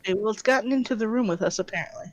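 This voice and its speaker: A woman's voice: mid-range voice, racing, no echo, dull audio. A woman playing a tabletop role-playing game, chatting casually with a dry, sardonic manner.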